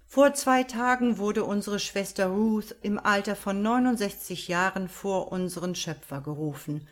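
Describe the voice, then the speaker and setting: A woman's voice: mid-range voice, natural voice. Woman reading as a solemn sonorous pastor. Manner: slow sonorous sermon delivery. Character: solemn male pastor at a funeral. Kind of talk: audiobook character voice.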